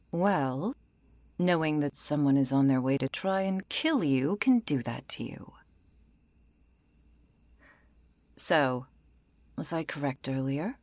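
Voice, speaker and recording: An actress voices a low-pitched vampire woman a hundred years old, speaking slowly and softly in this intimate ASMR piece and often drifting into breathy whispers. Wry and composed, she carries a polite menace along with a hint of loneliness, and the clip has no room sound.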